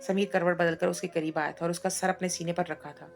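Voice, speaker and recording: Gravelly-voiced woman reading a story. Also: lowish voice, a little fast, faint music behind. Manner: steady storytelling. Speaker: narrator. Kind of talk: story read aloud.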